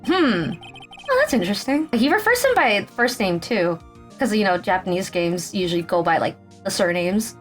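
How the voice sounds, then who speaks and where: A woman's voice: medium pitch, big pitch swings, normal speed, soft background music. A young woman casually commenting as she plays a story game, chatty and full of fillers. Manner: chatty, filler-heavy, reads characters aloud. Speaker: let's play streamer.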